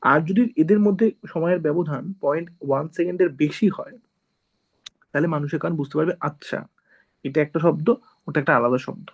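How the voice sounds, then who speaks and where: Gravelly, slightly high male teacher. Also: brisk, rough recording. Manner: explains step by step, often checks with "ঠিক আছে?". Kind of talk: informal classroom lecture.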